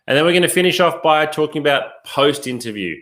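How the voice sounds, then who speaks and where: A man's voice: fairly high pitch, expressive, fast talker, a bit bright. A middle-aged man, a career coach, presenting a live online workshop, upbeat and emphatic, putting rhetorical questions straight to his viewers.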